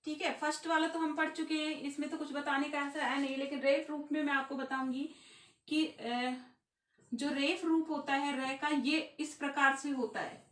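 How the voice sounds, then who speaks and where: A woman's voice: high-pitched, fairly even intonation, normal speed, fairly bright tone, roomy sound, distant mic. A woman teaching a school grammar lesson, explaining step by step to children and checking often that they follow. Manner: explains step by step, keeps asking "ठीक है"; addresses pupils as children.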